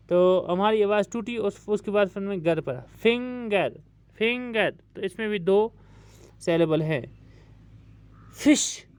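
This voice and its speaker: A male English teacher records an online classroom lesson for schoolchildren, patiently repeating each word several times and drawing it out. He calls his pupils "dear children," and his high-pitched, smooth voice has no room sound.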